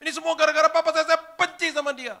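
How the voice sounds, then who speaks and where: A man preacher voicing a distressed young woman in debt, who shouts and sobs her bitter complaints. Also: steady tone, rapid-fire, full character voice. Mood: tearful, bitter. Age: young adult. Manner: shrill, shouting, sobbing complaints.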